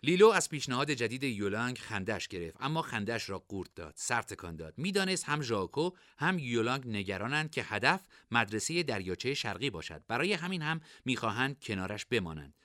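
A man narrating a story in an expressive, lively reading. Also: medium pitch, few pauses, no echo, studio quality.

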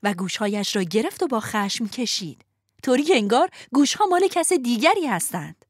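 Expressive woman storyteller. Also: fairly high pitch, slightly rough, dry recording, clean studio sound. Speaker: narrator. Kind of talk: scripted storybook narration.

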